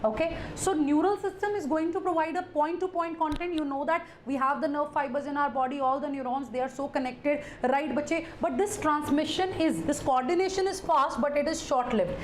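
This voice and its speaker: A woman's voice: sits high, fairly quick, few pauses. A woman with a North Indian accent lecturing live to students as their teacher, repeating phrases, addressing them directly and dropping in Hindi interjections. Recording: echoey room, faint background noise.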